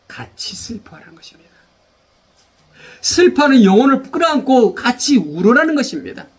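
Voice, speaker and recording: A man preaching a sermon as pastor, animated, repeating phrases and leading the congregation in call-and-response. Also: high voice.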